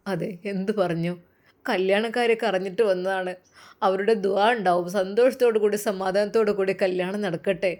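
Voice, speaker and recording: A woman's voice: medium pitch, darkish tone, close to an everyday voice. A woman voicing a kindly, devout older mother who speaks tenderly and soothingly, with a Malabar Malayalam accent.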